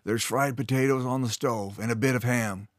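Guy putting on a gravelly old horseman, gruff and deadpan, kinda stony, dry recording. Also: medium pitch, normal speed, dry recording, lightly acted. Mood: flat. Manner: flat, expressionless delivery. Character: gruff weathered male horseman, older, stony and dry-humored. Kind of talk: storybook narration.

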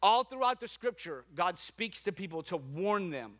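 A man's voice: sits high, big pitch swings, moderate pace, a bit bright. A man from New Orleans preaching a sermon as a pastor, with rhetorical questions and repetition. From New Orleans, USA.

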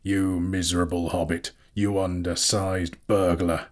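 Guy doing a proud angry dwarf king for a storybook, deep voice, slow bitter scornful declaiming. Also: level tone. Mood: raging. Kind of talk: dramatic storybook reading.

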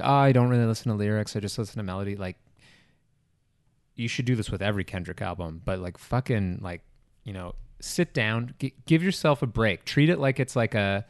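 Male podcast co-host, low-ish voice, rambling and profane, dry sound. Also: no room sound. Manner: rambling, profane, lots of fillers and restarts. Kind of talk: casual chat.

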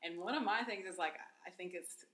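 A woman's voice: fairly low pitch, a little fast, a bit bright. A woman in her thirties co-hosting a podcast, talking in a chatty, rambling way and often agreeing with "absolutely". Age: 30s. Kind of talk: casual podcast conversation.

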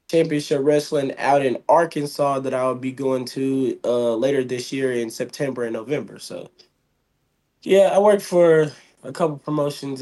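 A pro wrestler in his twenties from Mississippi, guesting on a casual interview, rambles with many fillers and restarts. His voice is light, medium-pitched and warm.

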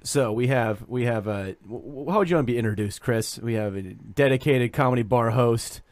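A man's voice: medium pitch, normal speed, a little mellow, no room sound. A man hosting a comedy podcast, introducing guests with mock formality and joking along. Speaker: podcast host. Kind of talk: casual podcast banter.

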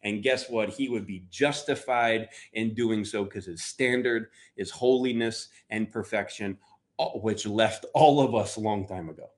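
Here a preacher from America gives a booming, motivational sermon, pressing his points emphatically in a conversational way and punctuating them with dramatic pauses.

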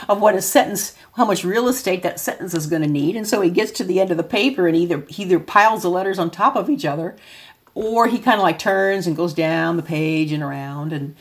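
Middle-aged woman, lowish voice, parent explaining in casual talk; thoughtful, restarts often. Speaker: parent of a child with developmental delay.

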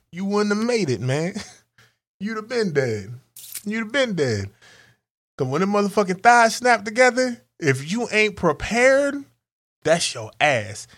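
A man cohosting a podcast, telling raunchy stories in a profane, animated way and acting out voices. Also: sits high, takes it slowly, long pauses. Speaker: podcast co-host. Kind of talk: raunchy comedic banter.

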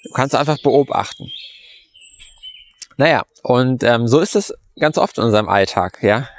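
A man's voice: mid-range voice, animated, moderate pace. Guy hosting a mindset podcast, rambling along, slangy, lots of ums and restarts, plain mid voice. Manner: rambling, heavy on fillers and restarts; colloquial, slangy. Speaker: podcast host and meditation coach. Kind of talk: casual spoken storytelling.

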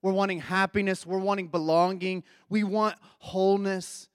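A man's voice: high voice, level tone, moderate pace, clean tone, dry recording, studio quality. A man preaching a reflective, conversational sermon.

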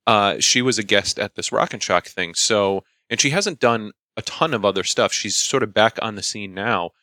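A man co-hosts a podcast in relaxed conversational style, telling stories. His voice sits low but has a bright, forceful edge, captured very dry. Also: normal speed, no room sound. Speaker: podcast co-host. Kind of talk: casual chat, anecdotes.

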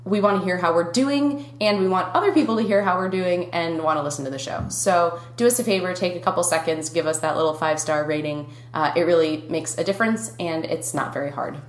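A young Minnesotan woman hosts a casual podcast, chatty and quick to laugh. Her voice sits a little low and carries some roominess around it. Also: reverberant. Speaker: podcast host.

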